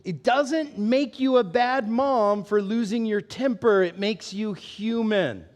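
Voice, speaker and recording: Pastor, male, high voice, casual sermon, candid, self-deprecating, laughs easily, asks the room questions. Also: slow pace. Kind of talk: conversational sermon.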